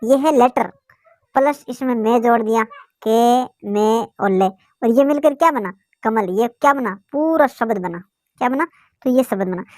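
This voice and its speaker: A woman's voice: fairly high pitch, moderate pace, darkish tone, no room sound, clean studio sound. A woman teaching a basic English lesson, asking questions and answering them herself. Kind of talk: classroom lesson explanation.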